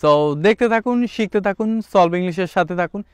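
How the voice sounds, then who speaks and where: A man teaching English pronunciation in a casual video lesson, saying each word slowly and repeating it for the viewer. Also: high-pitched, smooth, no echo, studio quality.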